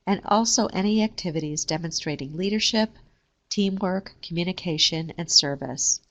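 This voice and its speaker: A woman reading a scripted careers lesson in a steady, measured way. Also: fairly low pitch. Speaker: career services presenter. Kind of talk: scripted instructional narration.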